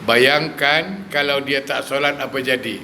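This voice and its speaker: Bright-voiced preacher. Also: male voice, mid-range voice, measured pace, a little hiss or hum. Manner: lively, fires rhetorical questions at the audience. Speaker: religious preacher. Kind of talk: sermon with humorous asides.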